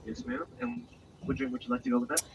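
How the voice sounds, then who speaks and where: A man taking a food order through a drive-thru intercom speaker, polite and brisk, answering "yes ma'am" each time. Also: extremely high pitch, monotone, gravelly, slight background noise. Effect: heard through a drive-thru intercom speaker. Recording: muffled distant speaker heard from inside a car.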